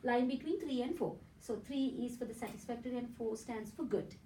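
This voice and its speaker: Speaking a little fast in a fairly high, mellow voice, this Sri Lankan woman, whose first language is Sinhala and who has a Sri Lankan accent, delivers an academic conference talk. She lays out her ideas step by step, frequently adding a checking "right?" The audio comes from far off in an echoey hotel conference room and carries a little hiss or hum.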